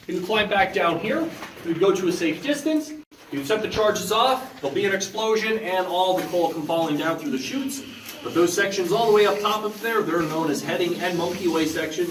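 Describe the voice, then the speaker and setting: High-voiced man guiding in an echoey tunnel. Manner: explanatory, instructive. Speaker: tour guide. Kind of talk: guided tour commentary. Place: inside an underground coal mine tunnel. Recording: echoey, distant, noisy tunnel recording.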